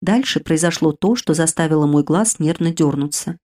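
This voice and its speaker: A woman narrating a story in the first person, reading in a measured, even way. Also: deep voice. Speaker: audiobook narrator.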